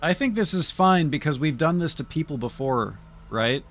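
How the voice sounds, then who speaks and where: A man's voice: on the high side, animated, normal speed, fairly bright tone. A man streaming a game, giving casual, playful commentary and theatrically deliberating with his chat. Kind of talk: casual live gameplay commentary.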